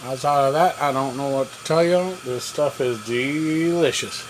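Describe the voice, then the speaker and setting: A man with a drawl talks folksy and easygoing, narrating his own home cooking. He sits at an ordinary middle pitch. Frying and boiling sounds hiss clearly behind him in a cramped camper kitchen. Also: normal speed, poor audio. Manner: folksy, chatty, talks with mouth full. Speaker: cooking vlogger. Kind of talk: casual cooking vlog. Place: camper kitchen with propane cooker. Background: boiling water and frying.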